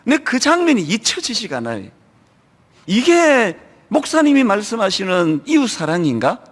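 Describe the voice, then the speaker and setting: Middle-aged male pastor, high animated delivery in a reverberant sanctuary. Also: moderate pace. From Gyeongsang region, Korea. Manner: animated, acts out church members in quoted asides. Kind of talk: sermon. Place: large church sanctuary. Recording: long hall reverb.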